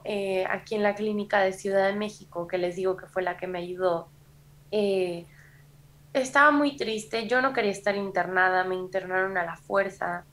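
A woman's voice: mid-range voice, fairly bright tone. A woman with a Mexican accent, a podcast guest telling a personal story in a candid, confessional way, with frequent fillers. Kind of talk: personal testimony in casual conversation.

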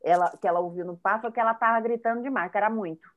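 A woman with a Brazilian Portuguese accent hosting a casual podcast, chatty and quick to agree and add her own comments. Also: medium pitch. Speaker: podcast host. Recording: slightly dull lo-fi podcast audio.

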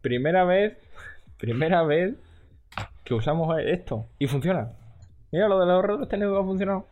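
A man's voice: high-pitched, lively intonation, normal speed, narrow, tinny audio. A man in his twenties from Extremadura, co-hosting a podcast in casual, joking chat. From Extremadura, Spain. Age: 20s. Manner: joking, teasing, laughs often. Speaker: podcast co-host.

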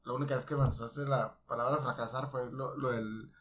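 Reflective Mexican podcast co-host. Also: male voice, mid-range voice, fairly even intonation, fairly quick, a bit bright, slight background noise. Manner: reflective, with many restarts. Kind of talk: casual chat.

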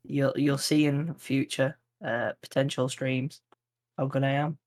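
A man's voice: medium pitch, little pitch movement, unhurried, darkish tone. A man with a Yorkshire accent co-hosting a podcast in casual banter, playful and boastful. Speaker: podcast co-host.

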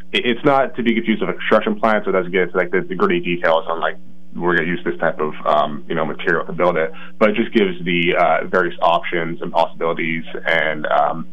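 A man who is a county planning coordinator, calling in by phone to a radio interview and explaining carefully with frequent rephrasing. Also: deep voice. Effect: heard over a phone line. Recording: muffled lo-fi phone line.

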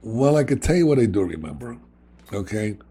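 A middle-aged man with a New York accent talks plainly about his past. His delivery is blunt and streetwise, and he keeps checking in with a quick "okay?" as he goes. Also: fairly low pitch, sing-song, warm tone, breathy edge. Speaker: guest sharing recovery story. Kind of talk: candid conversational storytelling.

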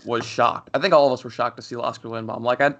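A man's voice: mid-range voice, fairly even intonation, fast talker, a bit bright, highs cut off. A young man co-hosting a hockey podcast, talking in a rambling casual way with many restarts. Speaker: podcast co-host. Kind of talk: casual chat.

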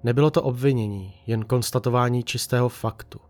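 A man calmly reading a dark story aloud as narrator, in an even storytelling manner. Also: medium pitch, soft background music.

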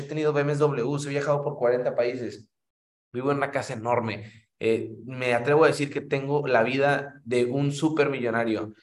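A man with a Mexican accent gives a casual, animated motivational talk as an entrepreneur and acts out quoted exchanges. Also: medium pitch, roomy sound. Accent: Mexican Spanish. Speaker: network marketing entrepreneur.

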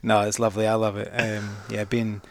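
A middle-aged man with a Highland Scottish accent, talking casually and reflectively as a podcast guest. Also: monotone, a little fast, no echo.

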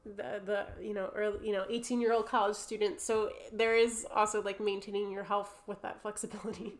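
Young woman, New Jersey accent, podcast guest, chatty and relaxed, middle pitch. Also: brisk. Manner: chatty, full of fillers, laughs easily. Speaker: artist guest. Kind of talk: casual podcast conversation.

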